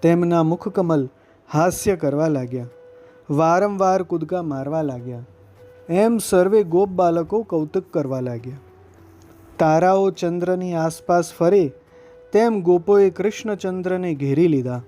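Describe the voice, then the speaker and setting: Male devotional narrator, slightly high, soft mellow tone, steady recitation, faint music beneath. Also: unhurried. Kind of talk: scripted devotional scripture reading.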